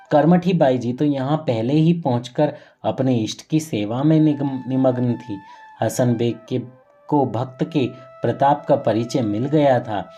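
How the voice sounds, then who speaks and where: Deep-toned man narrating a devotional tale. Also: mellow, highs cut off. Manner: earnest, reverent retelling with occasional self-corrections. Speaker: devotional storyteller.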